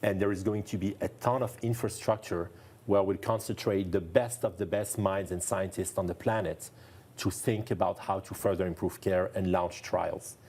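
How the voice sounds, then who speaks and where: This deep, mellow voice belongs to a French neurologist being interviewed in a TV studio, speaking accented English. Steady, at normal speed with a breathy edge, he comes across as earnest and enthusiastic, frequently repeating a phrase for emphasis.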